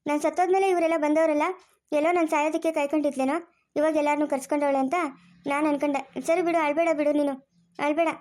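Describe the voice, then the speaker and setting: A woman's voice: high voice, fairly even intonation, rapid-fire, a little mellow, lightly acted. A woman playing the spirit of a dead grandmother, who speaks sternly and makes demands. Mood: stern, demanding. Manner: commanding, listing demands. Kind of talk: family drama acting.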